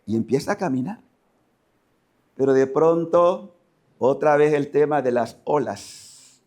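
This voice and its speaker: A man from Panama, a priest preaching a lively Sunday sermon in church, who often shouts and acts out the scripture dramatically. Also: on the high side, slow pace.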